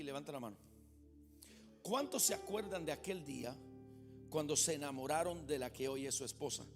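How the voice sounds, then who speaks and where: A male pastor preaching a sermon, animated and full of stories, often asking the congregation questions. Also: a little high, in a large hall. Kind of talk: sermon with humorous personal stories. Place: church sanctuary.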